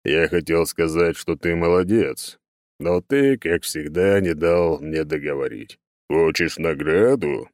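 An actor voicing an ancient, boastful male oak god who speaks slowly and smugly in an audiobook. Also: low voice, a little mellow, no echo, clean studio sound. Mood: condescending. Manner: slow, drawn-out, self-satisfied delivery. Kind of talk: audiobook character voice.

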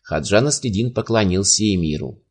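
Animated male storybook narrator. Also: fairly low pitch, normal speed, slightly rough. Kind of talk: expressive storybook reading.

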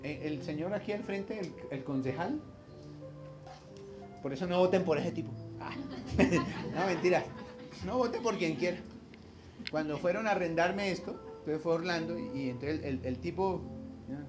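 A man's voice: fairly high pitch, normal speed, pauses often. A man preaching a sermon as pastor, emphatic and conversational, with wry asides, over background music.

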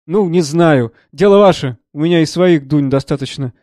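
Man doing a gruff old pal, short blunt lines, dry room. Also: fairly high pitch, moderate pace, dark tone, no room sound, natural voice. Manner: curt, dry, probing.

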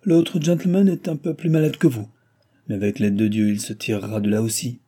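A man's voice: medium pitch, fairly even intonation, fairly quick, warm tone, lightly acted. A man voicing a tall, bony American doctor who speaks French with a guttural foreign accent, placid but firm and grumbling. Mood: placid, reassuring.

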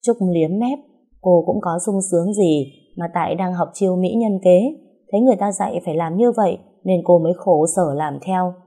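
A woman narrating a story in a steady, even way. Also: on the low side, fairly quick, breathy edge.

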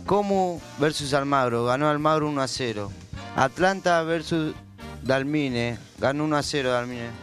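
A man with an Argentine accent reads football scores and lineups on community radio. He goes through them plainly, one after another, in a slightly high voice. Music hums behind him. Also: normal speed, a bit bright. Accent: Argentine Spanish. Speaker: sports segment reader. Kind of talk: reading sports results on radio.

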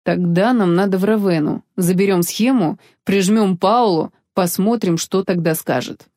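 A woman reading an audiobook voices a calm, firm male investigator who speaks with weight. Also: mid-range voice, normal speed, no room sound, studio quality, lightly acted. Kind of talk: audiobook character voice.

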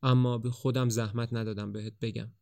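A man's voice: medium pitch, level tone, gravelly, a little mellow, dry recording, lightly acted. A man voicing a frightened young man turned passionate. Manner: urgent, pleading, rising to passionate. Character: anxious young man, scared then bold.

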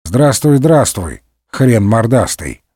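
A man's voice: medium pitch, expressive, moderate pace, darkish tone, no room sound, studio quality, natural voice. A man voicing an irritable male musketeer who serves as police chief, barking with grumpy exasperation in a comic audiobook. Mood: irritated.

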